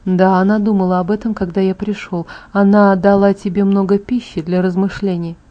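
A woman voicing a calm, protective young male vampire in an audiobook, speaking in a soft, restrained murmur. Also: fairly quick, lightly acted. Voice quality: soft, hushed. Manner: low murmur, gentle and restrained. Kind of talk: audiobook character voice. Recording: dull lo-fi audiobook MP3.

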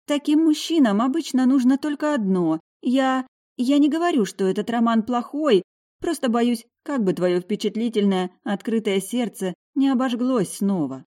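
A woman's voice: a little high, expressive, normal speed, warm tone, pitched above the performer's own voice, lightly acted. A woman voicing a worried, tender mother. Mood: anxious, warning. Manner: anxious, coaxing and protective. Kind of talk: audiobook character voice.

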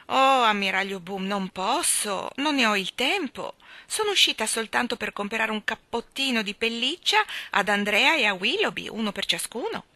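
A woman doing a shrill, prim society lady. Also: expressive, moderate pace, few pauses, pushed and bright, dry recording. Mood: chatty. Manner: high-pitched, shrill and prim. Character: fussy, genteel middle-aged lady with dogs.

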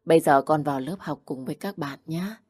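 A kind old grandfather reassures in a low, steady voice, as a woman voices him in a storybook. He sounds calm and comforting. The recording is dry, with nothing behind it. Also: fairly quick, breathy edge, no room sound. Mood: reassuring.

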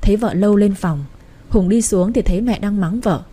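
Woman storyteller, soft dark timbre, keeps one steady voice for the whole cast. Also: medium pitch, moderate pace, slightly rough. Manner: reads every character in her own voice, with little change. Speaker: story narrator. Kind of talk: narrating a romance story.

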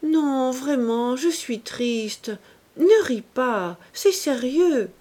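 Brief: woman reader doing a bored young socialite, weary and petulant, breathy and unhurried. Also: sits high, expressive, darkish tone, pitched above the performer's own voice, full character voice. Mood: plaintive.

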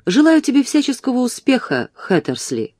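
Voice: mid-range voice, big pitch swings, moderate pace, darkish tone, no echo, pitched above the performer's own voice, lightly acted. Reader doing a lazy mocking rich guy who just laughs it off, dry audiobook voice. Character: idle mocking host, too lazy to stand.

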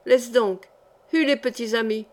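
Woman reading young coachman, coaxing, hesitant, light high tone. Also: fairly even intonation, measured pace, close to an everyday voice. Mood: brisk. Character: young male coachman, eager and blunt.

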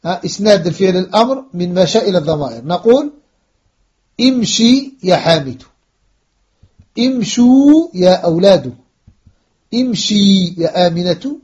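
Male grammar teacher, high voice, patient drilling of verb forms. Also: animated, normal speed, long pauses, a little mellow, dull audio. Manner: explains step by step and repeats conjugation drills, switching into French. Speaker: Arabic language teacher. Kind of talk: grammar lesson.

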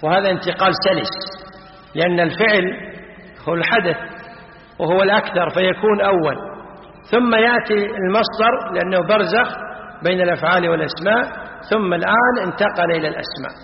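A man's voice: high voice, fast talker, pauses often, slight background noise. A man teaching a classical grammar lesson. He explains in short phrases, corrects pronunciation and repeats the words. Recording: echoey lo-fi hall recording.

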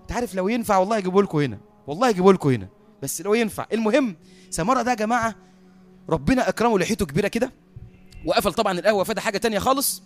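An Egyptian man preaching a sermon as a lively storyteller who often laughs at his own tale. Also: high-pitched, very fast.

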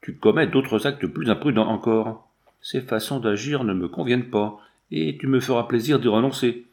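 A man's voice: mid-range voice, moderate pace, gravelly, a little mellow, natural voice. A man voicing a stern, worried old general in an audiobook, agitated and severe.

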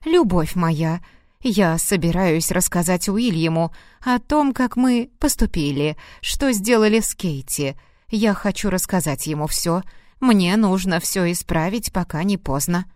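Woman doing a dying old mother: low, hoarse, breathless, stern and cutting, dry close sound. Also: expressive, measured pace, a little mellow, dry recording. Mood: firm. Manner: firm, cutting, dismissive. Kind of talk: audiobook reading.

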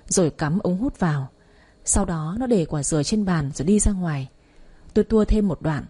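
Warm husky woman narrating a story. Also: fairly low pitch.

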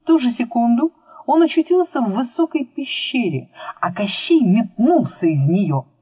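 A woman's voice: fairly high pitch, lively intonation, moderate pace, dark tone, breathy edge. A woman narrating a fairy-tale book in a playful, theatrical storybook manner. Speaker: audiobook narrator.

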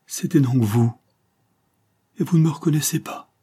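Man reading the part of a young woman, earnest, pleading, husky, raised pitch, storybook audiobook. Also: normal speed, mellow. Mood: overwhelmed. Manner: pleading, emotional.

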